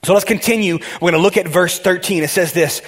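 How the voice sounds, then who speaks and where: A male pastor preaching a conversational sermon, excitable and talking straight to his congregation, often restarting his sentences. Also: high-pitched, quick pace.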